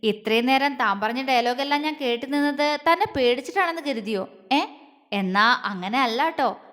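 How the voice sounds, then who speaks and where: A woman's voice: high voice, moderate pace, a bit bright. A woman voicing a spirited young woman who teases and snaps back in an audio story. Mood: fierce. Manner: coy then fierce. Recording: long reverb.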